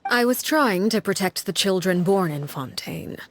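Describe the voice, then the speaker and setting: A woman voicing Arlecchino, a cold, composed leader of a household of orphans, who speaks in a measured, formal and quietly menacing way. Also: medium pitch, expressive, lightly acted. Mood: cool. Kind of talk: game cutscene voice acting.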